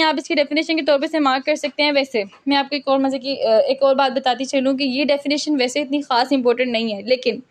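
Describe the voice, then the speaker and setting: A woman physics teacher explains a textbook chapter. She asks questions and answers them herself, and reads English lines slowly. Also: high-pitched. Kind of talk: physics lesson.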